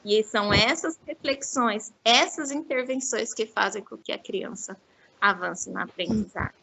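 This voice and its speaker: A woman giving a lecture to teachers on literacy, explaining classroom activities and slowly modeling words syllable by syllable. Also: mid-range voice, creaky, noisy background.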